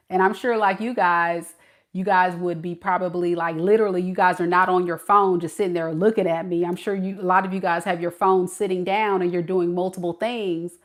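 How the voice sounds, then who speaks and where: A woman's voice: fairly low pitch, steady tone, moderate pace. Chatty woman host, Californian with a Mississippi lilt, casual and laughing. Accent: Californian with some Mississippi dialect. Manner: chatty, laughing often, addresses viewers as y'all. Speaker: tarot reader reading live chat. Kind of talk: casual live-stream chat.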